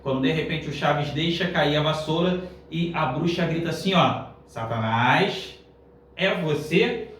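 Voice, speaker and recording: A man with a Brazilian accent teaching a grammar lesson in a classroom, explaining upbeat and checking in with the class, slowing down to stress each example. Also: on the high side, a bit bright. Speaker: Portuguese teacher. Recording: echoey room, distant mic, faint hiss.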